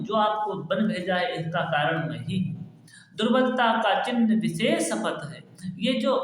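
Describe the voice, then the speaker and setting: A male teacher explaining a classic poem line by line, patiently glossing word meanings and repeating phrases. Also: high-pitched. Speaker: Hindi literature teacher. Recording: very echoey room.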